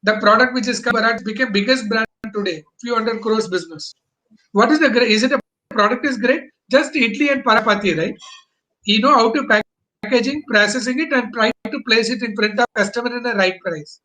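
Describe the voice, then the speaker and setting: A man's voice: very high-pitched, fairly quick, bright, forceful tone, rough recording. A man from Bangalore, explaining business as an interview guest in emphatic, choppy phrases with rhetorical questions. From Bangalore, India.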